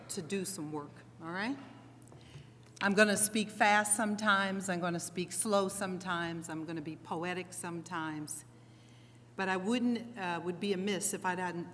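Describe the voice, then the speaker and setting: A middle-aged woman giving a lively keynote speech, playfully leading the audience in call-and-response. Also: fairly low pitch. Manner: energetic, playful, commanding the crowd. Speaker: keynote speaker. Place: large hall with audience. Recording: long hall reverb, faint crowd noise.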